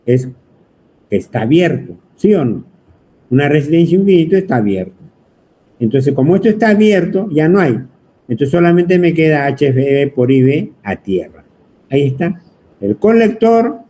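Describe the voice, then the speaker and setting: This electronics instructor, a man with a Peruvian Spanish accent, lectures at the whiteboard in a warm voice that sits on the high side, with a little hiss or hum. Chatty and teasing, he speaks at length and questions the class constantly.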